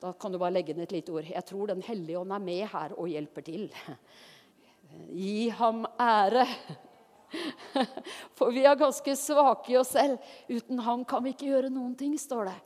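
High-voiced woman preaching in a reverberant hall. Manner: lively, shifts between loud emphatic and soft low passages. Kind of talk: sermon.

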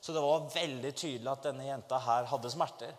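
A man preaching a testimony to a congregation, telling his story in an animated way and rising to fervent exclamations. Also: mid-range voice, slight background noise. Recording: long hall reverb.

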